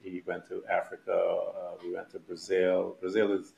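A man's voice: low-pitched, monotone, normal speed, creaky, darkish tone. A man from Guyana hosting a podcast interview, speaking in an encouraging, motivational way. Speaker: podcast host.

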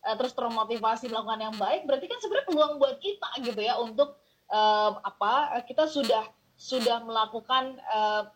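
Female radio host, slightly high voice. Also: expressive, fairly quick, rough recording. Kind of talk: radio talk interview.

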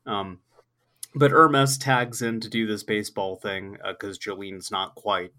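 A man's voice: on the low side, steady tone, unhurried, pushed and bright. A man who is sick, his voice cracking a little, chatting loosely and jokingly as a podcast co-host, swearing casually. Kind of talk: casual chat recapping an anime episode.

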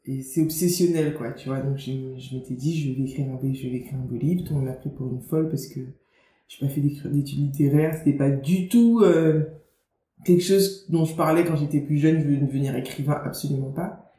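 A young woman from Guadeloupe speaks a little fast in a low, mellow voice as an interviewed guest; she is an author and media founder. She talks in a chatty way, full of fillers and restarts. Faint background noise and roomy acoustics mark the recording.

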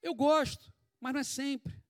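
A Brazilian-accented man preaches a sermon with a conversational, animated delivery, throwing out rhetorical questions as he goes. His voice sits high for a man and is recorded dry and close, with no room sound. He is sweating as he talks. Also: measured pace, no room sound. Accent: Brazilian Portuguese. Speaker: pastor.

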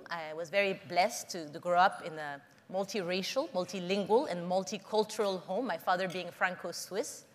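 A middle-aged woman from the Philippines gives a prepared talk on stage, her voice sitting at an ordinary middle pitch. She speaks in an earnest, measured way, weaving personal stories into the talk. The sound carries a long reverb from a large hall. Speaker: conference speaker.

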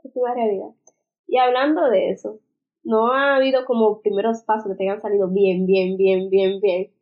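A young woman, co-hosting a casual chat in a relaxed, conversational way. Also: mid-range voice, moderate pace, narrow, tinny audio. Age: young adult.

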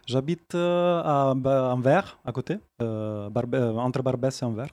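A man's voice: mid-range voice, steady tone, darkish tone, no room sound, studio quality. Man with an Italian accent. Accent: Italian, from Genoa. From Italy. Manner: halting, repeats words. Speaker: audience guest. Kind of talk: casual chat.

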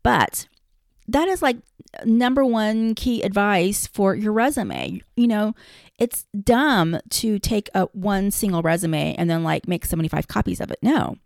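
A woman's voice: medium pitch, lively intonation, a little slow, vocal fry, a little mellow, dry recording, clean studio sound. Blunt, profane woman podcast host. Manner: direct address to listeners. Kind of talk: casual advice podcast.

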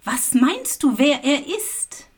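A woman voicing stern male religious leaders who question a healed man, in a slow Bible reading. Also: high voice, big pitch swings, heavily acted.

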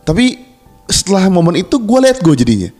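A man's voice: high-pitched, big pitch swings, fairly quick, a little mellow, soft background music. A man co-hosting a podcast in casual slang, speaking earnestly and frankly to listeners and often restarting his words. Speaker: podcast co-host. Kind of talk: casual personal chat to listeners.

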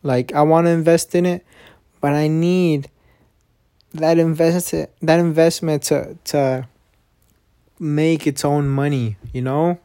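A man's voice: fairly high pitch, steady tone, takes it slowly, long pauses, warm tone, smooth. A man hosting a podcast, recording on his phone under a blanket, talking in a rambling, frustrated way and swearing often. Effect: muffled, recorded under a blanket. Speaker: podcast host. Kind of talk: casual solo podcast chat.

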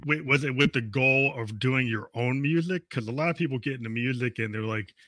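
A radio show host in his fifties runs an interview in a mid-range, fairly bright voice that moves briskly and echoes with reverberation. He rambles casually, restarts often, and laughs easily.

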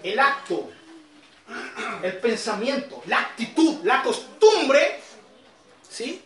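A man with a Chilean accent, a pastor giving a sermon, swinging from quiet asides to shouted, emphatic peaks. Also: very high voice, very animated, takes it slowly, echoey room, distant mic. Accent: Chilean Spanish.

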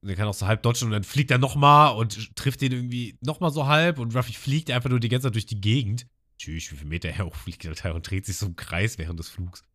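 A man co-hosting a podcast, casually retelling an anime episode with lively storytelling. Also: mid-range voice, fast talker. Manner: lively storytelling, laughs often. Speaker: podcast co-host.

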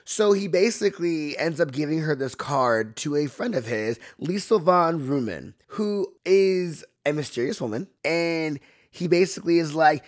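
A man hosting a podcast, recapping a movie in a casual, campy way, full of "like" and acted-out quotes. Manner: chatty, campy, fillers like "like"; acts out characters' lines in higher voices. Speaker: podcast host.

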